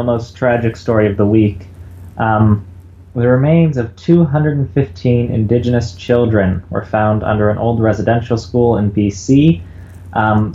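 Guy on a choppy video call, dull lofi audio, roomy echo, mellow voice, earnest. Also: medium pitch. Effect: bad call connection, dull lo-fi audio. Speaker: podcast co-host. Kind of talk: casual chat over a video call.

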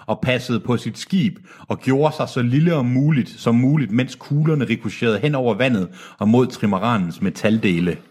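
A man's voice: medium pitch, hardly any pauses, a little mellow, husky. A man co-hosting a comedy podcast, reading a novel aloud and breaking off to mock it and trip over words. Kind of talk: comedic read-along, mocking the text.

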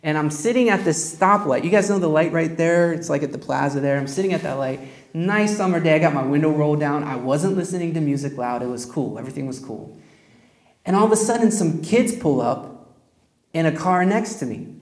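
A man's voice: fairly high pitch, a little fast. A man preaching a sermon as pastor, telling stories in a conversational way and speaking straight to his congregation. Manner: storytelling, conversational, addresses congregation directly. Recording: roomy echo.

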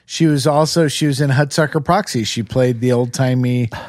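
A man's voice: medium pitch, normal speed, darkish tone, dry recording. A man co-hosting a casual podcast chat, with a dry, teasing manner. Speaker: podcast co-host. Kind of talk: casual chat among friends.

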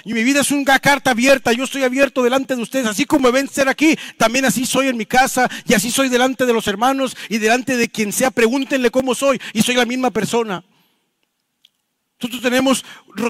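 Male pastor, earnest sermon, high voice, dry close sound. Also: a bit bright, no echo. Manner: earnest, repeats words and restarts, addresses listeners as brother. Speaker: preacher.

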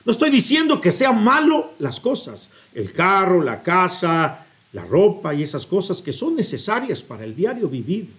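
Animated, high-voiced male preacher. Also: normal speed. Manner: expressive, storytelling, appeals directly to listeners. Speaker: priest.

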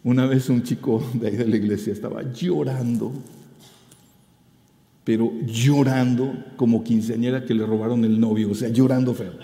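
A male pastor preaches a sermon in a mellow, warm, mid-range voice at normal speed. He's animated, building to emphatic peaks before settling back, and a long hall reverb trails his words in the roomy sound.

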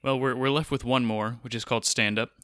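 A young man co-hosts a podcast in an easygoing conversational tone. His voice is bright and clear at a middle pitch, and he delivers deadpan asides. He also recaps stories plainly. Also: fairly quick. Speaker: podcast co-host. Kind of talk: casual chat.

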